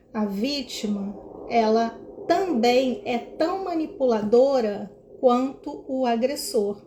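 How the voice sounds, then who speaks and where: A woman explaining relationship patterns to viewers in an animated way, pointing and acting out quotes. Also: fairly high pitch, slight background noise. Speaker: emotional wellbeing educator. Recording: echoey room.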